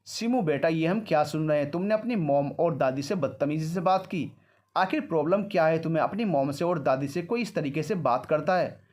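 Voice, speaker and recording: A man's voice: a little high, normal speed, darkish tone, natural voice. A man voicing a firm but caring middle-aged father who earnestly reproves his daughter. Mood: reproving.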